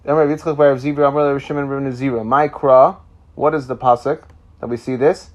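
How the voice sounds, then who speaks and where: A man's voice: medium pitch, fairly even intonation, fast, a little mellow, muffled recording. A man giving an informal Talmud lesson in Yeshivish speech with Yiddish-inflected Hebrew pronunciation, reading phrases and explaining them as he goes. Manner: explanatory, checking in with "right?". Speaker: Torah teacher.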